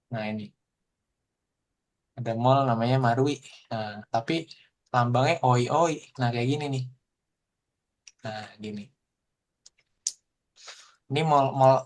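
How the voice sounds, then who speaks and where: A man teaching a Japanese language class online, explaining in a relaxed, chatty way full of fillers. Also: mid-range voice. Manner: explains in relaxed casual Indonesian with frequent fillers.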